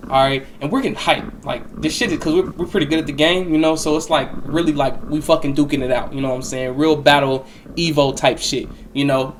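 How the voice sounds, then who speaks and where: A young adult man with a slightly high voice talks in a loose, casual storytime monologue. He rambles, swears freely and leans on slang. There is some noise and clicking behind him. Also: fairly even intonation, brisk. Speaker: storyteller recounting a personal experience.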